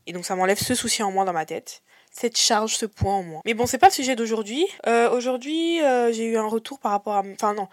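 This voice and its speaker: A woman's voice: mid-range voice, no echo. Short-of-breath young woman, casual podcast, dry sound. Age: young adult. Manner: informal, youthful slang, chatty. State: short of breath, pausing mid-sentence. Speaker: podcast host. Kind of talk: casual confessional podcast monologue.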